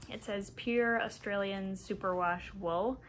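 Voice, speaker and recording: A woman's voice: medium pitch, steady tone, a little slow, slight background noise. Chatty woman hosting a knitting podcast. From Minnesota. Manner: chatty and rambling, with soft laughs. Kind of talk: casual chat.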